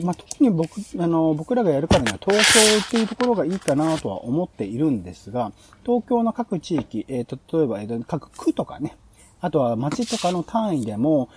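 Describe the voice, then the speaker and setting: Speaking in a mid-range, somewhat mellow and slightly rough voice, a male podcast host loosely strings together long sentences. It's a casual, explanatory pitch of show ideas, delivered as if he's thinking aloud.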